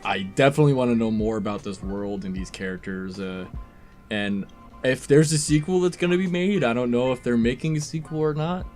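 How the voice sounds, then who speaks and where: A man co-hosting a casual film review, talking loosely with quick jokey asides and plenty of swearing. His voice sits at an ordinary middle pitch. Faint music plays behind him. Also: expressive, a little mellow.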